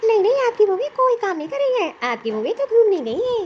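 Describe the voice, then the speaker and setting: Woman doing a sly, shrill tattletale daughter. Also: very animated, fast talker, highs cut off, background noise. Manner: gleeful, sly. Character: scheming tattletale young daughter. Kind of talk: cartoon story voice acting.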